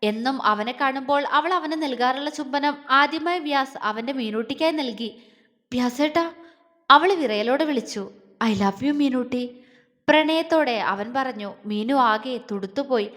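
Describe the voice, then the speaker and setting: High-voiced woman reading a romance story. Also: normal speed, fairly bright tone. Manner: dramatic, emotive reading. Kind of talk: scripted narration of a romance audio series. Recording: long hall reverb.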